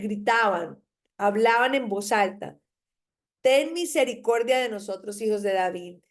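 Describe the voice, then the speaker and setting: A woman's voice: on the high side, darkish tone. A woman preaching a daily devotional, reading scripture and urging the listener with emphatic repetition. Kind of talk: devotional sermon with Bible reading.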